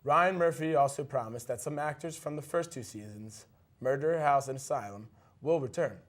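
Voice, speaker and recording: Speaking at a normal pace in a mid-range voice, this male co-anchor works through scripted news stories. He adds short offhand comments and occasionally stumbles on a word.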